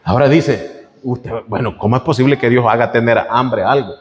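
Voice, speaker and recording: A man preaching a sermon in an animated way, asking the congregation questions as he goes. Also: medium pitch, fairly quick, long reverb tail, slight background noise.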